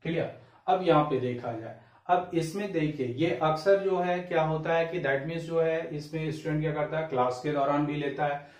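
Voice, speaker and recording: A man teaching English vocabulary in Hindi, asking "clear?" after each point and spelling words out letter by letter. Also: a little high, fairly even intonation, moderate pace, distant mic. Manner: repetitive quizzing, asks "clear?" often; spells words letter by letter, drawls example sentences. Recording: echoey room, away from the mic.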